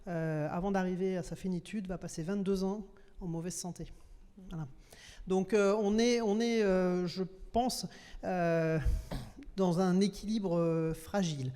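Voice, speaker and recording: Male panelist, high mellow voice, energetic with fillers, long hall reverb. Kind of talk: panel discussion.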